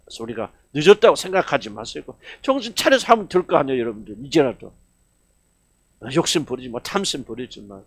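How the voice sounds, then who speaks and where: A man, senior pastor of his church, preaching an emphatic sermon with rhetorical questions. He swings between loud exclamations and hushed asides. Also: fairly high pitch. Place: church service.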